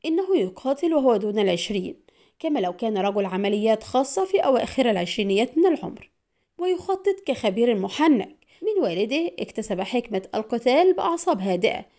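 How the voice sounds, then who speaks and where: A woman narrating an audiobook spy thriller in a brisk, dramatic storytelling manner. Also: on the high side, sing-song, warm tone.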